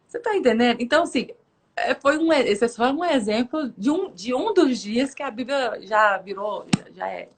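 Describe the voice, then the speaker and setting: A woman, telling a faith story in a lively, casual way, acting out voices and laughing often. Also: moderate pace, slight background noise. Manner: lively, acts out quoted voices with big pitch jumps.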